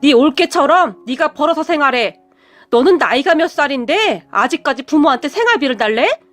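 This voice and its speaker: A stern, commanding father-in-law, read out by a woman in a radio story, laying down the law to his family. It stays close to the narrator's own high, lively voice, with faint music behind. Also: fairly quick. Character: stern angry father-in-law, older man.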